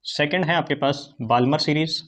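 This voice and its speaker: A man's voice: on the high side, fairly bright tone. A man teaching a chemistry lesson, asking his class questions and answering them himself. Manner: repetitive call-and-response questioning; fast, chatty explaining with Hindi-English mix. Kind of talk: online classroom lecture.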